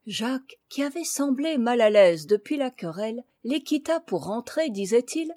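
A woman reads a classic children's novel aloud in a measured, clear way. Her voice sits fairly high. The sound is close and dry, with no room echo. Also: a little mellow. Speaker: audiobook reader.

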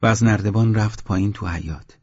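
A man narrating an audiobook story in a steady, measured way, on a dull lo-fi recording. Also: on the low side, breathy edge. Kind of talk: scripted narration.

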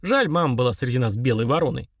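A man voicing a calm, mocking young man who chats casually while confessing murder to his father. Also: mid-range voice, quick pace, slightly rough, no echo, clean studio sound. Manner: chummy, sneering, confessional tone.

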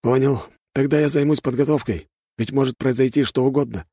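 A composed, businesslike aide from a storybook, speaking a little higher than the narration, as the reader does him. Close, dry mic. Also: male voice, fairly even intonation, fairly quick, warm tone, slightly rough, no echo.

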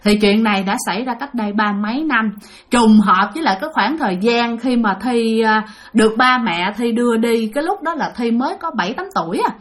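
A woman's voice: on the high side, a little fast. Southern Vietnamese woman telling ghost stories. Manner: lively, dramatic, addresses listeners directly. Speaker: storyteller. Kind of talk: spoken ghost-story telling.

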